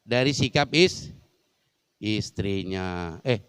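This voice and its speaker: A man's voice: on the high side, animated, a little slow, a bit bright, clean tone, no echo. A man teaching a humorous Islamic study lesson in a large mosque, joking and constantly quizzing the women listening. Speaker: religious teacher.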